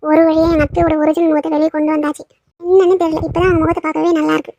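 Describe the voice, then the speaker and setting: A woman's voice: sits high, flat delivery, racing, mellow. A woman voicing a wry young daughter-in-law in a cartoon, muttering sarcastic asides. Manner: sarcastic inner monologue. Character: put-upon daughter-in-law, wry and scheming.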